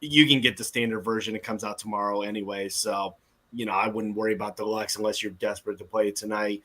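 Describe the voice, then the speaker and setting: A man with a bright, forceful voice talks casually as a podcast co-host over a remote stream. He is chatty and laughs easily between points. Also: lowish voice, steady tone, fast. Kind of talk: casual chat. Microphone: video call setup.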